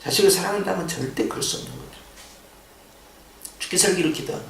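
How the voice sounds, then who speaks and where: A male pastor preaching a sermon in a church, animated and full of rhetorical questions. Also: high voice, fast talker, vocal fry, slight background noise. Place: church sanctuary. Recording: echoey church sound from a distance.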